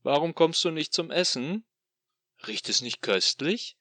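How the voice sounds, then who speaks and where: A man voicing a sadistic, mocking male machine demon in an audio drama, taunting in a drawn-out, sing-song way. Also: fairly high pitch, animated, pushed and bright, no echo, voice pushed up, exaggerated voice.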